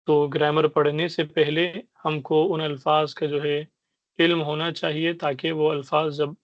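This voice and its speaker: A man teaching a beginners' Arabic class, explaining patiently and sounding out letters and vowels slowly. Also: on the high side, little pitch movement, no room sound, muffled recording. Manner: patient explaining, repeats "ٹھیک ہے" to check understanding. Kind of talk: online language lesson.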